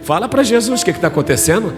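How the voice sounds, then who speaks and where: A man preaching a fervent sermon as pastor, rising to shouted climaxes and dropping to hushed pleading. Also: sits high, expressive, racing. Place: church hall. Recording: reverberant church hall with music behind.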